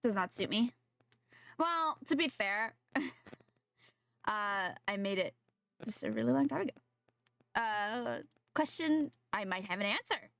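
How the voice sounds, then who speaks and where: A young woman streaming a game chats casually with her viewers, rambling and correcting herself. Her medium-pitched, fairly bright voice is slightly nasal from a sore throat, and she sounds animated while keeping a measured pace and pausing often.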